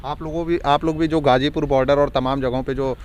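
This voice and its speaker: A man's voice: medium pitch, fairly even intonation, brisk, clean tone. A man reporting on the street, asking probing questions of the people he interviews.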